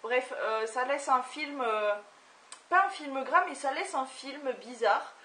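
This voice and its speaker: A woman's voice: sits high, lively intonation, slow, pushed and bright, distant mic. A young woman reviewing beauty products in a casual vlog, talking hesitantly with lots of filler sounds. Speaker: beauty vlogger. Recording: echoey room, voice off-mic.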